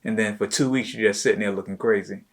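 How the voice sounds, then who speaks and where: A man with a fairly low voice hosts a relaxed conversation. He talks loosely and informally, with plenty of "you know" and "like" fillers, in an easygoing chat style. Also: fast talker. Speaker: host, entrepreneur. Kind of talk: casual chat with his wife.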